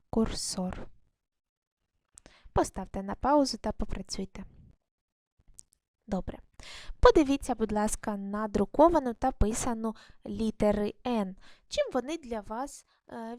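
A woman teacher records a video lesson for young pupils, guiding their handwriting one step at a time. Her voice sits a little high, and she praises them often as she goes. The sound is close and dry, with no room around it. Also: a little slow, long pauses, mellow, no echo. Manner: patient, step-by-step instructions with praise. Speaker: primary school teacher.

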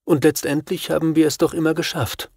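A man's voice: fairly high pitch, level tone, a little fast, vocal fry, slightly rough, no echo, voice pushed up. A man reading an audiobook, voicing a kind young woman who comforts a friend. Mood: reassuring. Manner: gentle, reassuring.

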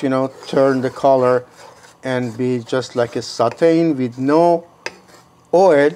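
A man in his sixties with a Persian accent, explaining a home cooking recipe step by step in an unhurried way from his kitchen. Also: medium pitch, a little mellow. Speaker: cooking show host.

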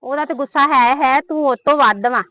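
Actress as a bright, coaxing young woman, high voice, faint music behind. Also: fairly quick, no echo. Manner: coaxing, reassuring. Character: young woman calming her sister-in-law. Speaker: younger family member in a family short film. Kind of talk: scripted short film acting.

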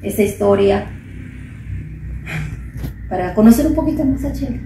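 A woman interviewer speaks gently and formally, with a gravelly edge to her voice. She sounds far from the mic in a reverberant room. Clear background noise runs under her. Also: medium pitch, animated, moderate pace. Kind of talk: local TV interview. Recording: roomy, distant mic, audible noise.

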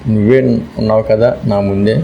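A man's voice: lowish voice, steady tone, moderate pace, gravelly, dull audio, a little hiss or hum. A man reading the lines of a devoted young man in love, in a plain storytelling voice. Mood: tender.

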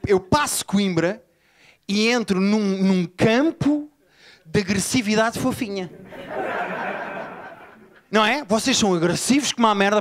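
A man from Portugal with a Lisbon accent, performing an animated, profane stand-up set and riffing with the crowd. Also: high-pitched. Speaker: stand-up comedian. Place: comedy bar before a live audience. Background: audience laughter.

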